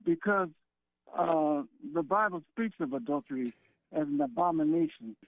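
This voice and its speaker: A man from Michigan calling in to a radio show, arguing in a combative, halting and insistent way. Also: fairly high pitch, no room sound. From Michigan, United States. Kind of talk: live argument as a call-in radio caller. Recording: narrow-band phone line over radio.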